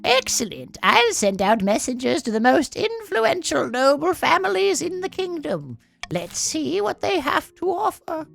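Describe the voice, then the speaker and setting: A man voicing a bossy, nagging elderly queen mother in a creaky old hag voice, for a game. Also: very high voice, very animated, a little slow, fairly bright tone, soft background music, voice pushed up, full character voice. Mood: imperious, satisfied.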